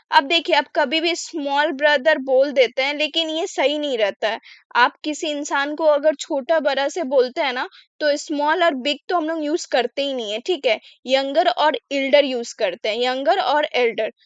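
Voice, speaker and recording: A woman teaching English words in Hindi, explaining slowly and often checking in with the listener. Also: high-pitched, no room sound, muffled recording. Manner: repeats "ठीक है" often, slow careful explaining.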